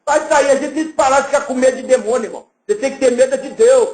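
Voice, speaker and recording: High-voiced Brazilian pastor preaching. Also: male voice, rapid-fire, reverberant, rough recording. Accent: Brazilian Portuguese. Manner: lively preaching, acts out little scenes and voices. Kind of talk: sermon.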